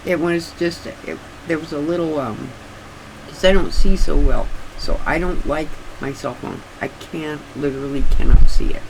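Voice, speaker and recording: An older woman chatting casually and haltingly, with slightly restricted articulation, as if her sore jaw won't open wide. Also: deep voice, gravelly, background noise. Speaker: craft vlogger. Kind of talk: casual rambling chat.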